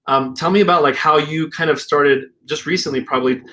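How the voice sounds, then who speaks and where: A man's voice: a little high, a little fast, noisy background. A young man talking casually over a remote call, reflective and loose, hedging often with "like" and "you know". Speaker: co-founder and healing practitioner. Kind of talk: casual conversation.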